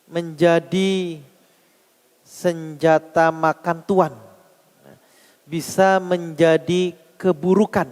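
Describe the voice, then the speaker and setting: A male Islamic preacher with an Indonesian accent, giving a sermon, questioning his listeners and repeating key phrases slowly for emphasis. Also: high voice, a little mellow. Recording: long hall reverb.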